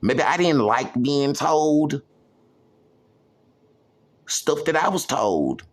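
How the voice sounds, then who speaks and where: A man's voice: fairly high pitch, expressive, drawn-out words. Emphatic man in a rambling monologue. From United States. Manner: repetitive, emphatic, heavy use of "you know". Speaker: vlogger. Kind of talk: personal monologue to camera.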